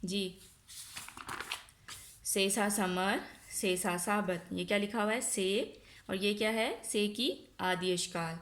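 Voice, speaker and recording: A woman's voice: medium pitch, fairly even intonation, fairly bright tone, a little hiss or hum. Pakistani woman teaching small children. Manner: asks questions and answers them herself, drawing out words slowly. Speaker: nursery teacher. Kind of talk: recorded online lesson for young children. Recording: echoey room.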